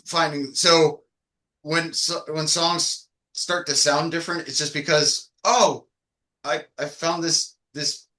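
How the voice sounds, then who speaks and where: Bright-voiced man, easygoing and rambling. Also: on the high side, little pitch movement, measured pace. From Chicago area. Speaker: band member. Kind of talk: casual podcast chat.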